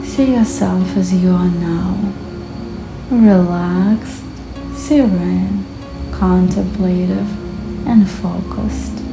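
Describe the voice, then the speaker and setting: A woman guiding hypnosis in a slow, calm, soothing hypnotist voice, with long pauses between short phrases. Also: fairly low pitch, vocal fry. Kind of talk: slow guided hypnosis narration. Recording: echoey voice over background music. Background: music.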